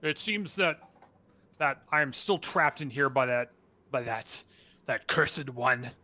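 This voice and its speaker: A man's voice: mid-range voice, slow pace, sharp tone. A man voicing a hulking, gorilla-like male wizard who is trapped, angry and pleading for help. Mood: indignant.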